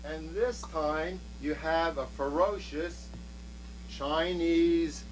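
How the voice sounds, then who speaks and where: A man performs as a kids' party magician in a fairly high-pitched voice. He presents each trick with theatrical patter and coaxes the audience along with counts. The amateur home video has a clear hum and noise over it. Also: very slow. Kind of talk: magic show patter for children.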